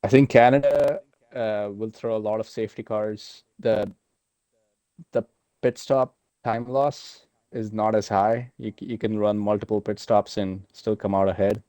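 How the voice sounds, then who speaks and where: A man talking casually after winning a sim race, halting with many fillers and restarts. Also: lowish voice, fairly even intonation, warm tone, no room sound. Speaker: sim racing driver, race winner. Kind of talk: casual post-race interview.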